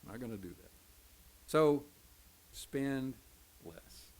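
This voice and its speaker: A man's voice: mid-range voice, lively intonation, slow pace, a little mellow. An older man with an Oklahoma Southern accent, teaching a folksy Sunday school lesson as a pastor, joking and acting out quoted voices. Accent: Oklahoma Southern American.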